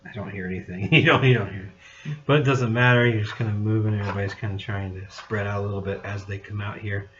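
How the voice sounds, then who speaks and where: A man's voice: lowish voice, steady tone, quick pace, fairly bright tone, roomy sound, slight background noise. Laughing man running a tabletop game. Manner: laughing, teasing, explaining rules. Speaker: game master. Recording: dull lo-fi recording.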